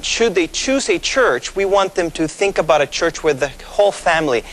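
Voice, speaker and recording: The guest, a Mexican pastor in his thirties whose first language is Spanish, explains himself in a measured manner with frequent fillers during a TV studio interview. His voice runs high, expressive and a bit bright.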